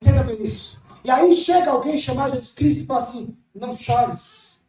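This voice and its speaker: High-voiced man preaching in an echoey hall. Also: quick pace. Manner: impassioned preaching with sudden shouts and hushed asides. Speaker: pastor. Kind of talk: sermon. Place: church hall. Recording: echoey church hall, mic at a distance, faint music.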